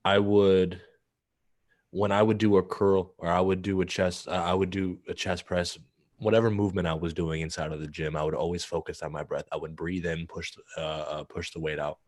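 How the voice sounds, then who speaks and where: A man's voice: low-pitched, level tone, moderate pace, darkish tone, no echo, studio quality. A man co-hosting a podcast, talking in an earnest, rambling way with frequent swearing. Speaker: podcast co-host. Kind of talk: casual chat.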